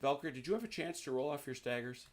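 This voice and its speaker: Fast and animated, with a medium-pitched voice, a man hosts a video call where he explains a tabletop wargame's rules to players. His casual, chatty explanation is peppered with restarts and "uh"s.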